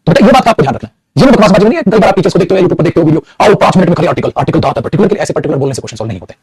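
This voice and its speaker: A man's voice: sits high, sing-song, very fast, a little mellow, slightly rough. A man teaching an English grammar lesson in Hindi, calling his students beta and repeating his points with emphasis, with a Hindi accent on English words.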